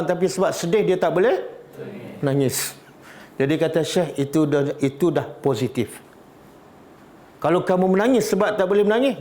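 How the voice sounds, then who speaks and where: A man's voice: high voice, darkish tone. Malaysian man giving a Quran lesson. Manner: asks the audience questions often, repeats key words. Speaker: religious teacher. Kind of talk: Quran study lecture.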